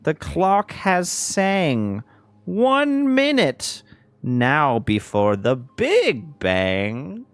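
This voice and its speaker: A man's voice: fairly high pitch, huge pitch swings, extremely slow, clear, resonant tone, no echo, voice pushed up, full character voice. A man voicing a silly clown villain who taunts in a giggly, sing-song way, in a tabletop game. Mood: taunting. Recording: music behind the voice.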